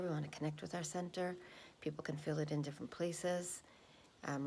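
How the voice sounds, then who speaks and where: A woman calmly guiding a grounding exercise in an unhurried, soothing way with pauses, her breathy voice often dropping close to a whisper. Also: low-pitched, slight background noise. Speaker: guided meditation leader. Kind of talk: calm guided grounding exercise.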